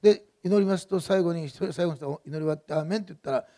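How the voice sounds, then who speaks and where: A man's voice: on the high side, rapid-fire, mellow. A middle-aged male pastor preaching a sermon in a conversational, digressive way, with many fillers and personal stories.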